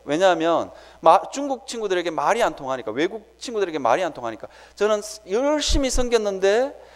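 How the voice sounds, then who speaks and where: High, lively male preacher in reverberant church. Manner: animated storytelling, acting out his own prayers. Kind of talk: sermon. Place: church sanctuary.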